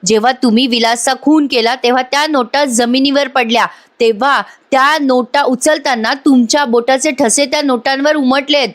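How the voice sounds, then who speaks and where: A woman's voice: sits high, fairly even intonation, normal speed, hardly any pauses, lightly acted. A woman reading a relentless accusing lawyer. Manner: hammering, accusatory questions.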